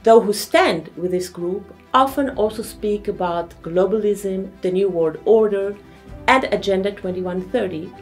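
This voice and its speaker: Woman lecturer, mid-pitched voice, measured didactic scripted narration, faint music behind. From Israel.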